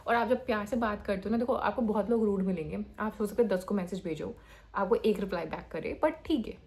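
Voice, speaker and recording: Fast-talking young woman. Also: medium pitch, a little mellow. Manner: hyperactive, rapid talker mixing in English phrases. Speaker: frontend developer giving career advice. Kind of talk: casual advice talk.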